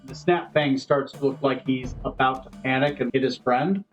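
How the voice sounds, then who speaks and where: A man's voice: mid-range voice, normal speed. A man narrating a tabletop game as game master, describing scenes and calling for dice rolls. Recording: dull lo-fi recording. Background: faint music.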